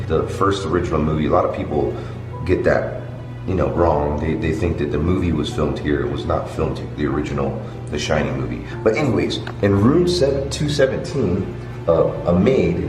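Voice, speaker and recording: Very deep-voiced man in a roomy space. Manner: colloquial, rambling explanations with frequent "you know". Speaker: vlog host. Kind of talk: casual walk-and-talk ghost tour vlog narration. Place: indoors in a large hotel. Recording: roomy echo with background music. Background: music.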